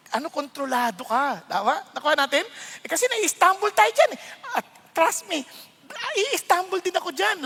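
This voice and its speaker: A man preaching a sermon as pastor, lively and playful, acting out everyday quarrels. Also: very high voice, gravelly. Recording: long reverb of a large hall.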